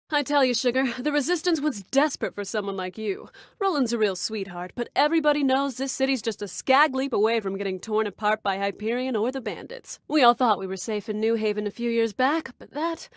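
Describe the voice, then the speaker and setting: A woman's voice: a little high, no echo, studio quality, close to an everyday voice. A woman voicing a flirtatious, brash bar owner in a video game, speaking in a sultry, suggestive purr. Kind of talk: video game character dialogue.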